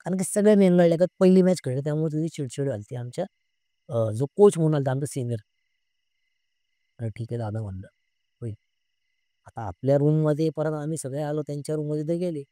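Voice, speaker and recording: A man in his thirties tells his own story in a chatty way, acting out his friends' lines and often dropping to a hush. His voice sits fairly high but sounds mellow and warm. The recording is dry, with almost no room echo. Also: fast. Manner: often drops to a hushed, low voice. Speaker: guest telling his own ghost experience. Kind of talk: casual spoken storytelling.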